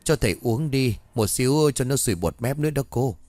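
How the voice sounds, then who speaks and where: A man voicing a fussy, excitable middle-aged village man in a spoken ghost story. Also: mid-range voice, fairly quick, no echo, close to an everyday voice. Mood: fussing.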